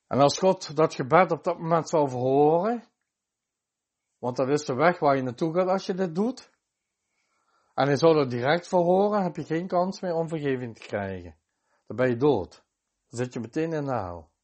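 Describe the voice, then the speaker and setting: Emphatic preacher giving a sermon. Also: male voice, fairly high pitch, expressive, normal speed, darkish tone. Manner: quotes scripture with chapter and verse, emphatic.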